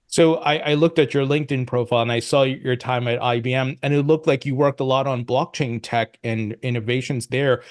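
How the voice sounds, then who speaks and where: Male podcast host, mid-pitched, friendly and upbeat, dry sound, no room echo. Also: steady tone, a little fast, few pauses. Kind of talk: podcast interviewing and sponsor read.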